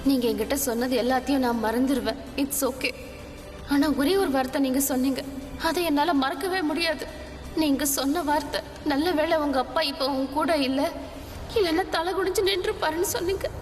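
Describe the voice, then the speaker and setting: Brief: woman playing polite, hurt young woman in a dubbed soap, high-pitched. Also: brisk, lightly acted. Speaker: lead character in a dubbed serial. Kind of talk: dubbed TV serial drama. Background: background music.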